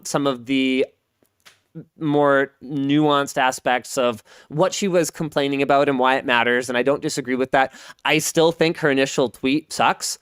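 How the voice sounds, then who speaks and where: With a fairly high, clear, and resonant voice, a Canadian man in his thirties chats on a casual podcast, recorded cleanly in a studio with no echo. He claims a Pacific Northwest way of talking, and his delivery wanders, breaks off mid-thought, and repeats words.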